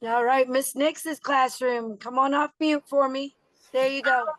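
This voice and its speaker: A woman teaches an online class of children in a hoarse, spooky croak that still sits quite high. She speaks slowly and encourages her pupils as she puts questions to them. The sound is dry, with very little room. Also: fairly even intonation, dry recording. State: hoarse, recovering from a lost voice. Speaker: teacher leading social emotional learning. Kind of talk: interactive online class for schoolchildren.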